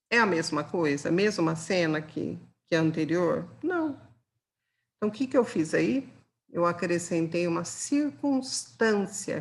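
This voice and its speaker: A woman with a Brazilian Portuguese accent teaching grammar for an exam, patiently explaining with examples and checking in with her students. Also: medium pitch. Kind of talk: exam-prep grammar lesson.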